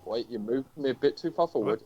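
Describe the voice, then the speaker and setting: A man's voice: medium pitch, quick pace, darkish tone. A man playing a tabletop game, talking bluntly and teasing. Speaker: player. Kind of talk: casual tabletop game chat. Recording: dull lo-fi stream audio.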